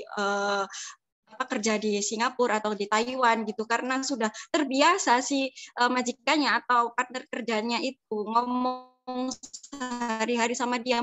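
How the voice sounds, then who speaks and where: A woman's voice: on the high side, fairly bright tone. A woman on a discussion panel, adding her own experiences in a conversational way. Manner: conversational, tells personal anecdotes. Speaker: panel speaker. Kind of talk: casual academic discussion.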